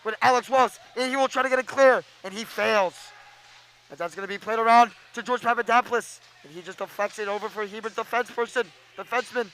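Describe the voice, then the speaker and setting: A young man calling live hockey play-by-play, excitable and quick, stumbling over names as he goes. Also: very high-pitched, rough recording. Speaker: play-by-play announcer.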